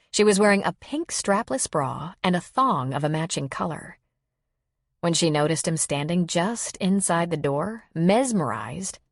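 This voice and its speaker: A woman narrating an audiobook in a brisk, even reading. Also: on the low side, no room sound, studio quality. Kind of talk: scripted narration.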